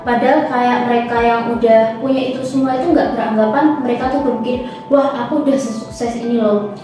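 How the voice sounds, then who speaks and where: Young woman, mellow voice, echoey room. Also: fairly high pitch, fairly even intonation, a little fast, slight background noise. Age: young adult. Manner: chatty, acts out quoted thoughts. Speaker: discussion panelist. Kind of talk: casual book discussion. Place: small studio at a table. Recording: roomy echo from far off, music behind.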